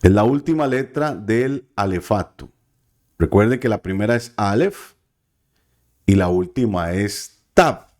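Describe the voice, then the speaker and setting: A man teaching a language class, speaking very slowly and patiently. His voice sits a little low, and he often pauses to check that his students follow. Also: animated, a little mellow. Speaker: biblical Hebrew teacher. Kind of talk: classroom lesson.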